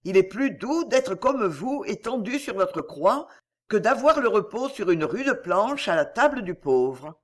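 A man's voice: high-pitched, sing-song, measured pace, full character voice. A man reading aloud, voicing a devout young blind girl in fervent prayer to God.

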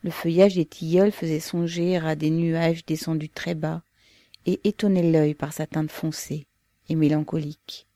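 A woman narrating a novel as an audiobook in a slow, measured, grave manner. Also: low-pitched, little pitch movement, dark tone, dry recording.

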